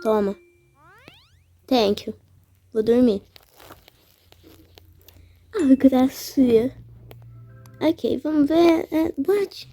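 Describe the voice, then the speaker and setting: A woman with a high, bright-sounding voice narrates her gameplay in a loose, chatty way. She teases and questions the characters as if they could hear her. Soft game music runs faintly underneath. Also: drawn-out words, pauses often. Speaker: gaming channel host. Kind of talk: casual gameplay commentary.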